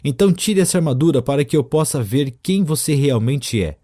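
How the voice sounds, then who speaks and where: A man's voice: mid-range voice, expressive, a little fast, mellow, close to an everyday voice. A man reading an audiobook, voicing a knight's impatient, frustrated wife who speaks reproachfully and makes demands.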